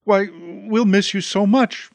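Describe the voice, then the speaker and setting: A man's voice: high-pitched, takes it slowly, no room sound, pitched above the performer's own voice. A man doing fretful chattering storybook ducks. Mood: worried. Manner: anxious and eager. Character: fretful, fond little duck trio.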